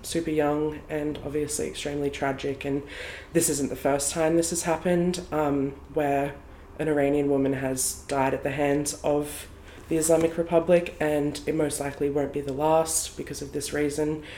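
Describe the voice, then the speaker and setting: A woman's voice: sits low, flat delivery, normal speed, few pauses, dark tone. A young Australian woman co-hosting a podcast in a casual, chatty way and laughing often, recorded in a room outside a studio. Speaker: podcast co-host. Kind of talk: casual chat. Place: home room, not a studio. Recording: echoey room, faint noise.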